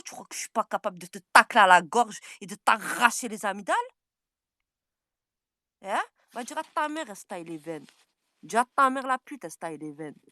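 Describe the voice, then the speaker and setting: A woman on a furious, taunting rant, repeating her challenges and swinging between yelling and low, menacing mutters. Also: no echo, studio quality. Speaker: social media personality. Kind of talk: angry direct-to-camera rant.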